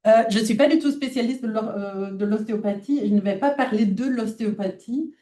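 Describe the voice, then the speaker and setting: A woman who is not a native French speaker reads a formal academic lecture aloud from a prepared text. Her voice is mellow and on the high side, and she speaks fairly quickly.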